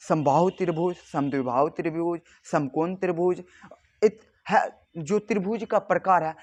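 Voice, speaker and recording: Male maths tutor with a high voice, drills students by repeating his questions and answers. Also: a little mellow. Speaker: maths teacher. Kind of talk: board exam tutorial.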